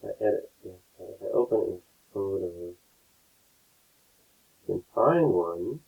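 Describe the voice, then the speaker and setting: Relaxed and methodical, this gravel-voiced male art teacher explains his painting process one step at a time, tacking "right?" onto his points. His voice arrives thin and tinny, like a poor stream heard over the phone.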